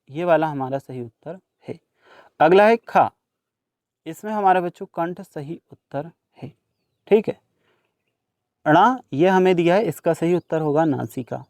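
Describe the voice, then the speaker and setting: A man's voice: on the high side, measured pace, a little mellow, no echo, clean studio sound. A young man teaching a workbook lesson, patiently explaining each answer and speaking directly to students.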